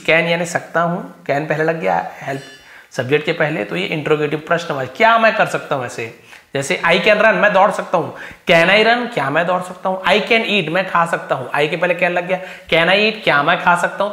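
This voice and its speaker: A man with a slightly high voice teaches English grammar. He reads each English line of a story slowly, then explains it word by word in Hindi. The room around him is echoey. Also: bright, forceful tone.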